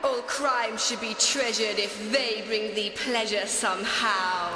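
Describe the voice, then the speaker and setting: A woman's voice: on the high side, steady tone, bright, forceful tone, faint music behind. Woman voicing a witchy sorceress announcer, echoing. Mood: ominous. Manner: slow, drawn-out, theatrical. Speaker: game announcer. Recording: echoey announcer clip with long reverb.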